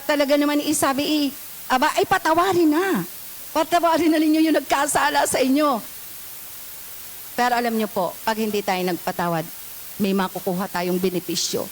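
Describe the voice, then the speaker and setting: A woman's voice: sits high, steady tone, moderate pace, poor audio. A woman pastor with a Filipino accent preaches a sermon in a church, switching between scripture read in English and Tagalog and asking the congregation questions.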